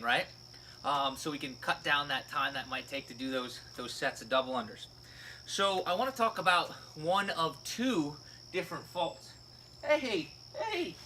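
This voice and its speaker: Man, fitness coach, high bright voice, casual step-by-step explaining, faint outdoor insect hum. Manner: explains step by step, frequent "right?" and "okay?". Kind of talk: casual instructional video.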